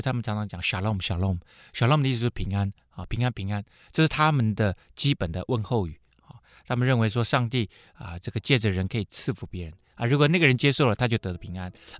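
A man hosting a radio Bible teaching program, explaining scripture with lively storytelling full of filler particles. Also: medium pitch, dry recording, studio quality.

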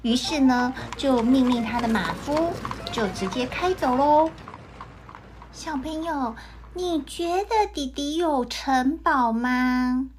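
A woman telling a children's story in an animated, sing-song way, talking to the kids. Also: high-pitched, slow, background noise.

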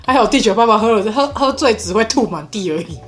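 A Taiwanese-accented woman in her thirties hosts a chatty podcast, telling stories with a very animated, swooping voice. She laughs often as she talks, and faint music runs under her. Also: a little high, fast. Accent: Taiwanese Mandarin. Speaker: podcast host, mother. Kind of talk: casual chat, storytelling.

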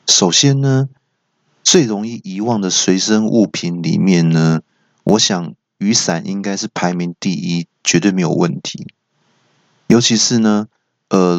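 A young man with a Taiwanese Mandarin accent, hosting a solo comedy show and telling self-mocking stories in an animated way. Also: no room sound, muffled recording. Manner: animated, self-mocking, jumps into high voices. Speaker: talk show host. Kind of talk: solo stand-up storytelling.

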